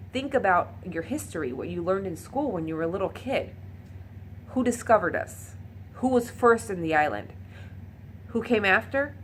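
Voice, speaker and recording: Puerto rican lady in her 30s venting straight to camera, blunt n passionate, kinda low voice, faint hiss behind. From Puerto Rico. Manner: passionate, blunt and exasperated, mixing in Spanish. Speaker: vlogger. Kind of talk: unscripted personal rant to camera.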